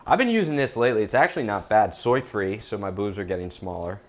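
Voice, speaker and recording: A man's voice: on the low side, lively intonation, fast, a little hiss or hum. Joking man cooking at home. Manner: joking, teasing, playful. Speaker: chef and host. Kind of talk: casual cooking banter. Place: home kitchen.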